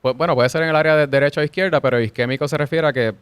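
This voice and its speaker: A man explaining heart rhythm problems as a cardiologist guest, measured and explanatory, with small restarts. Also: fairly high pitch, fairly even intonation, smooth, dry recording. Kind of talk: explanatory interview answers.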